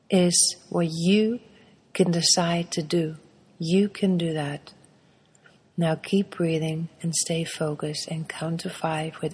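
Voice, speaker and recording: A woman leading a guided meditation, giving soft, soothing breathing instructions with long pauses between phrases. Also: lowish voice, husky. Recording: long reverberant echo.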